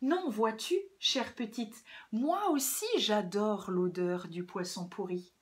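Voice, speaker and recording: A woman's voice: medium pitch, takes it slowly, close to an everyday voice. A woman doing a soothing old grandmother. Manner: soft and soothing. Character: gentle, sly old grandmother.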